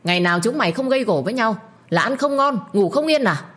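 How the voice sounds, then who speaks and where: A woman voicing a violent older lord in an audio story, hissing and ranting loud threats. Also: fairly low pitch, very animated, fairly quick, breathy edge, heavily acted. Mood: enraged. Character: older male lord, violent, enraged, ruthless.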